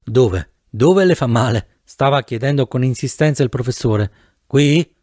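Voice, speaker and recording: A man's voice: medium pitch, measured pace, warm tone, no echo, studio quality, lightly acted. A male audiobook reader voicing an insistent, unflappable older professor who speaks curtly and matter-of-factly.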